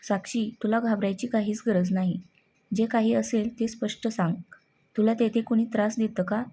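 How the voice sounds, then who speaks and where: A patient, steady father figure in a storybook reading, voiced by a woman. The voice is husky and mellow with a gravelly edge, speaking slowly and reasonably. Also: on the high side. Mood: calm. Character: stern but gentle middle-aged father.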